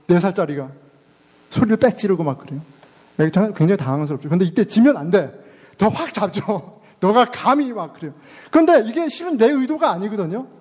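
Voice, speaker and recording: A man's voice: high-pitched, a little mellow. A man in his thirties, a father and pastor, preaching a sermon in a chatty way and putting questions to the congregation. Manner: conversational, asks the congregation questions.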